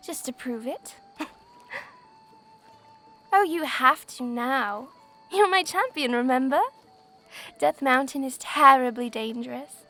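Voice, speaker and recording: A woman playing a sweet, high-pitched young princess. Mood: playful, proud. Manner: soft, polite, hesitant, formal phrasing. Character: gentle, flustered young princess, sweet and regal. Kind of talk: ASMR roleplay acting.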